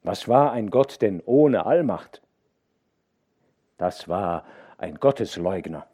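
A man reads a classic novel aloud at an unhurried pace, his voice low and mellow. His narration is measured and expressive, with wide, lively movement in pitch that gives the story weight. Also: husky. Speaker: audiobook reader. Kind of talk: literary audiobook narration.

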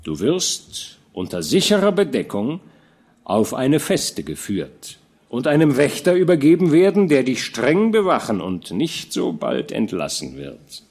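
A man reading a veteran army commander who speaks to a young knight in a warm, fatherly, measured way. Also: medium pitch, huge pitch swings, voice pushed up, heavily acted. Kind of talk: audiobook character reading.

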